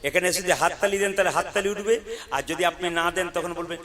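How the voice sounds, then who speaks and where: A man preaching and leading a devotional crowd in call-and-response chanting, coaxing them to chant louder. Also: sits high, fast talker. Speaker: kirtan singer and preacher. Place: live devotional gathering with audience. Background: devotional music playing.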